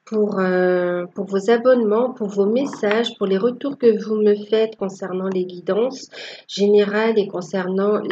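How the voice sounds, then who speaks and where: Slow, soft-toned woman reading tarot. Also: medium pitch, dull audio, a little hiss or hum. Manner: halting, repeats phrases. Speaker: tarot reader.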